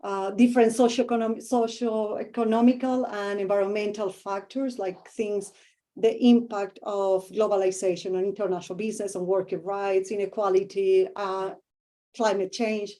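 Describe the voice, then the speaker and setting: Her voice is mid-range, steady and dark, moving at a normal speed. She is a middle-aged Colombian Spanish-accented professor answering interview questions thoughtfully, hunting for words and using lots of fillers.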